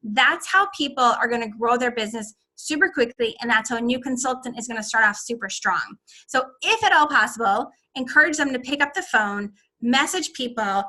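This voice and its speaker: A middle-aged woman casually giving advice to her sales team, animated, often acting out excited voices. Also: on the high side. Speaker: direct sales team leader.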